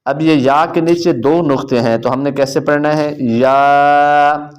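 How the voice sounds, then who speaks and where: A man teaching beginners the Arabic letters, drawing out each letter name in a slow chant between quick explanations. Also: fairly high pitch, a little mellow. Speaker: Quran teacher.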